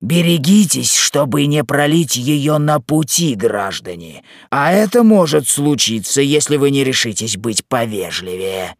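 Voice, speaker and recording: A man's voice: mid-range voice, expressive, a little slow, few pauses, dry recording, clean studio sound, pitched above the performer's own voice. A man voicing a spirited, teasing young corporal who declaims verse, in a raised voice. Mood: warning.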